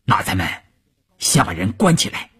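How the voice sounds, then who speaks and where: A male storyteller voicing a blunt, hot-headed male faction commander who gets flustered and excitable. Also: moderate pace, husky, full character voice. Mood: scheming. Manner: flustered, excitable, cries out high. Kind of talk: traditional storytelling.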